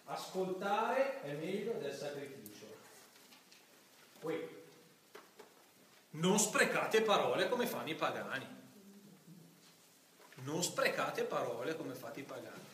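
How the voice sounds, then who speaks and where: Man preaching, lively, mimics voices of people at prayer, fairly high voice, echoey church, distant mic. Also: takes it slowly, long pauses, slight background noise. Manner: lively, acts out voices of praying people to mock. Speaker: priest. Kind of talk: sermon-style talk.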